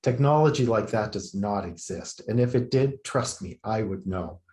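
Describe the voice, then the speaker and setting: A man voicing a curious, talkative male journalist who is skeptical and quick with questions, in a roomy space. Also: close to an everyday voice. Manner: excitable, questioning, higher and louder than his narration. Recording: roomy reverberant venue.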